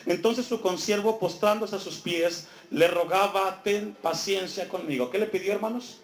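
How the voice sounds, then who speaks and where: A man's voice: sits high, fairly even intonation, normal speed. A man preaching a sermon in a church, reading scripture aloud and asking the congregation to fill in his words. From Mexico. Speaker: pastor. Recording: echoey church hall.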